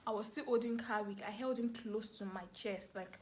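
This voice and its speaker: This young adult woman, a vlogger and storyteller with a Nigerian accent, speaks in a mid-range, steady voice at a fairly quick pace. She tells a personal story to camera in a casual, expressive way, repeating phrases for emphasis. There is slight background noise.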